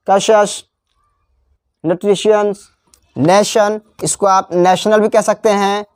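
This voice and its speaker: A man teaching a spelling lesson. He spells out letters slowly, repeats each example word, and slips into chatty asides. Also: high-pitched, a little mellow, smooth, no room sound, studio quality. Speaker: English teacher. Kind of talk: classroom-style spelling lesson.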